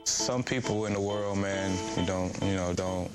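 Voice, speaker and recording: A man's voice: low voice, steady tone, normal speed. A man speaking casually and plainly about his own life. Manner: plainspoken, informal. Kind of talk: casual personal monologue. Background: loud guitar music.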